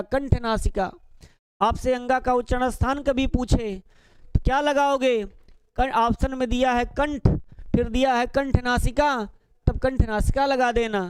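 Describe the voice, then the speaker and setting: High-voiced male grammar teacher, dry and clear. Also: no echo. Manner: explains step by step with rhetorical questions to students; speaks directly to students, casual and coaxing. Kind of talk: exam-prep grammar lesson.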